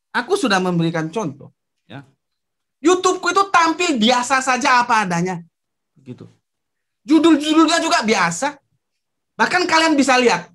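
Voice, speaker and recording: A man's voice: very high voice, sharp tone. A man, speaking bluntly and outspokenly as a guest on a religious discussion panel. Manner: blunt and outspoken, self-described rough way of talking.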